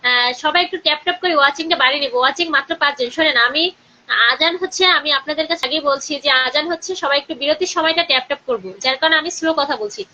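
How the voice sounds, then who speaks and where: A woman with a Bangladeshi Bengali accent hosting a live stream, chatting with viewers and urging them to share and comment, sometimes talking softly. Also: sits high, slight background noise, poor audio. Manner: speaking slowly and softly during the call to prayer.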